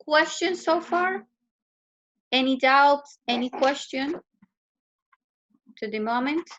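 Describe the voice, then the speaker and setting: Chilean woman teacher, patient online lesson, highish voice, muffled video-call audio. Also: extremely slow, fairly bright tone. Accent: Chilean Spanish. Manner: patient, explanatory, asks students questions. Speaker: English teacher.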